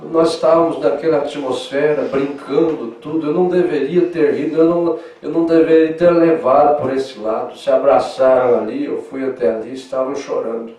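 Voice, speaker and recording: Pastor brasileiro em salão com eco. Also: male voice, medium pitch, normal speed, few pauses, far from the mic. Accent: southern Brazilian Portuguese. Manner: animated, swings from loud emphasis to soft asides; acts out quoted dialogue in lively voices. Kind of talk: Sunday school sermon. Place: church hall. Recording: echoey church hall, mic from afar.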